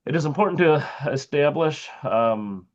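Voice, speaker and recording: A man's voice: a little high, lively intonation, a little slow, a little mellow, highs cut off. A man presenting on a video call as a seed company sales agronomist, speaking with many hesitant fillers. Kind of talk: presentation with slides.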